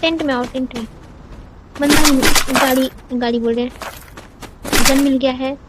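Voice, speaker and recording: A woman's voice: high voice, steady tone, normal speed. A young woman from Jharkhand in her twenties, chatting casually while gaming and urgently directing her teammate. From Jharkhand, India. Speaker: gamer. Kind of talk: casual gameplay chat. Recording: noisy game audio.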